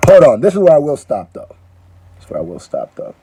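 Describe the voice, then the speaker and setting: A man's voice: fairly high pitch, quick pace, a little hiss or hum. A man raised in Nigeria hosting a casual reaction video, joking and cutting in often. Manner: animated, joking, interjecting. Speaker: YouTube reaction host.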